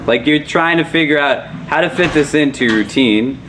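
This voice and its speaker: An imam with a slightly high voice leads a conversational religious class at a normal pace, with background noise audible. He asks questions and frequently checks in with "do you know?"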